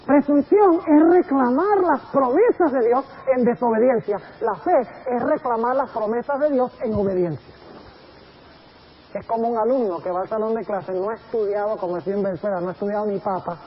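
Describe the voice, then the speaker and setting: A male pastor preaching a sermon in an animated way, acting out the quotes he gives. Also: very high voice, brisk, dull audio, a little hiss or hum.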